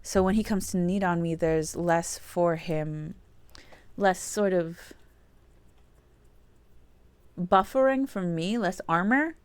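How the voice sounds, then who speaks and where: A young adult woman streaming a puzzle game, murmuring her thoughts aloud and cooing softly to her cat between moves. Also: fairly low pitch, takes it slowly, long pauses, clean tone, dry recording. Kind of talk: casual gameplay chat.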